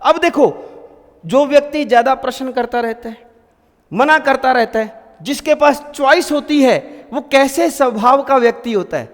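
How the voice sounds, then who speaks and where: A man's voice: very high-pitched, a little slow. A man teaching grammar to a class, telling little stories and quizzing his pupils. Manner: storytelling, asks pupils questions. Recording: long reverb in a classroom.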